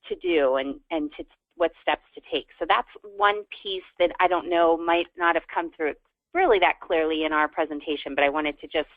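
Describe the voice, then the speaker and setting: A woman co-presenter offering advice on a training call, halting and doubling back on her words. Her slightly low voice reaches you dry and thin, as if over a phone line. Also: dry recording. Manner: halting, repeats words while thinking. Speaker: webinar co-presenter.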